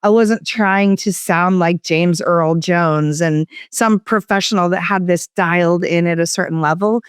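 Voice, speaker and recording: A woman appears as a guest expert in a conversational interview, describing her work with varied, expressive inflection as her pitch and pace rise and fall to hold the listener's attention. Her voice is smooth and clear. Captured on a studio microphone, the sound is dry and close with no room echo.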